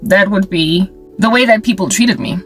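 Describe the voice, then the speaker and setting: A South African woman in her forties talking to camera in a casual, wry monologue. She is animated and playful, and she mixes in sound effects and phrases from local languages. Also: mid-range voice, moderate pace, soft background music. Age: 40s. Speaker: vlogger and ministry creator.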